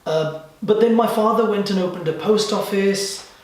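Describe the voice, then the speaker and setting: A man born in Kenya and raised in England, answering interview questions in a measured way with frequent pauses. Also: high-pitched, recorded from a distance. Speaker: guest, life and business coach. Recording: very echoey room, away from the mic.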